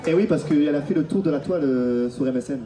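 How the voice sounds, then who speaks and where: A man playing a dim-witted bandit with a put-on Toulouse accent who talks slowly and hesitantly about his own songs. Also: a little high, roomy sound, a crowd in the background, natural voice. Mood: naive.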